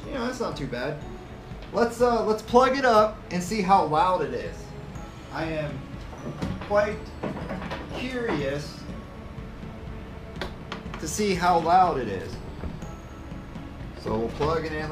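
Casual man rambling in a garage. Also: high-pitched. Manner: plain-spoken, rambling, a bit self-deprecating. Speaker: channel host reviewing tools. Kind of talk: casual unboxing chat. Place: cluttered indoor garage workshop.

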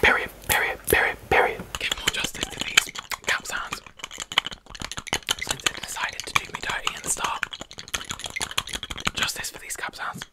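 Mouth right up to a desk mic in a small bedroom, a young adult ASMR creator rattles off short phrases again and again in a mostly unvoiced whisper, the delivery quick, chaotic and aggressive.

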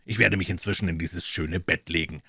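A deep-voiced captor in a crime audiobook, as the reader plays him, speaking softly and courteously with cool menace. The voice stays low and even, recorded dry and close. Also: male voice, fairly quick, vocal fry, breathy edge, dry recording, exaggerated voice. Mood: calm menace. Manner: quiet, courteous, coolly threatening. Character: calm polite menacing male captor.

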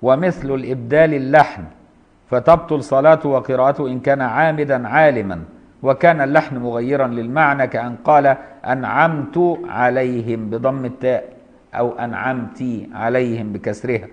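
Egyptian guy reading a legal text to a class and explaining it, slow sounded-out words, dull muffled recording. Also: medium pitch. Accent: Egyptian Arabic. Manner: reads classical text, then explains in colloquial dialect, voicing pronunciations slowly. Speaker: Islamic jurisprudence teacher.

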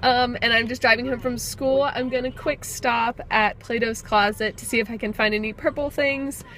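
A woman's voice: fairly high pitch, steady tone, normal speed, fairly bright tone, a little hiss or hum. Chatty upbeat young woman vlogging. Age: 20s. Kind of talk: casual vlog chat.

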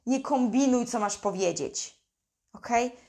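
A woman's voice: on the high side, gravelly, a little mellow. A woman giving blunt, emphatic parenting advice to camera, using mild slang and acting out what parents say. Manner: acts out parents' lines in quick mimicking voices. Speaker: parenting coach. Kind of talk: direct-to-camera advice talk.

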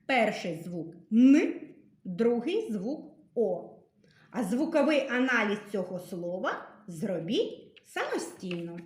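A woman teacher speaks slowly and patiently to young children, stretching out each sound she names. Her fairly high voice rises and falls a lot. The room around her is echoey. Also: big pitch swings. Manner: slow, patient dictation with emphasized sounds. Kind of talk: literacy lesson for young children.

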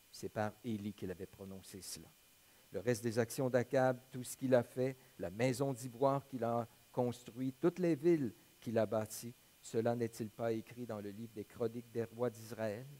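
A male pastor with a Quebec French accent, reading scripture aloud in measured phrases, then preaching in a plain, conversational way with small hesitations. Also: medium pitch, darkish tone. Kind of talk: sermon with Bible reading.

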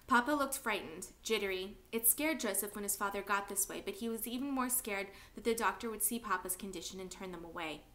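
Bright-voiced teacher reading aloud. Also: female voice, mid-range voice, brisk, hardly any pauses. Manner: expressive storytelling. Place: home.

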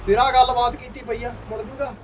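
A young gaming video host with an extremely high-pitched voice offers casual gameplay commentary, full of hearty, exclamatory banter for his viewers. His delivery is flat and a little fast, and the distant mic picks up faint background noise.

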